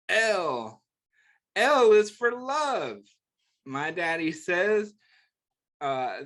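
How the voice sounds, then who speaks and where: A man with a somewhat high, slightly bright voice hosts story time, reading a picture book aloud to children. He adds simple, encouraging asides and questions, keeping his phrasing easy and instructive for young kids.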